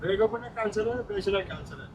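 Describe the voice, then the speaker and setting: A man's voice: high voice, level tone, racing, husky. A young man chatting casually with family, joking and blunt. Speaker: vlogger's brother.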